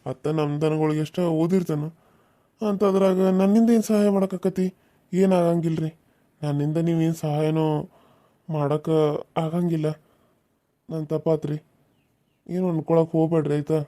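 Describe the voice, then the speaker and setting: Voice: medium pitch, fairly even intonation, moderate pace, long pauses, dark tone, voice pushed down, lightly acted. A voice actor playing a humble, apologetic male farmhand in a cartoon serial, with a North Karnataka Kannada accent. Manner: meek, apologetic.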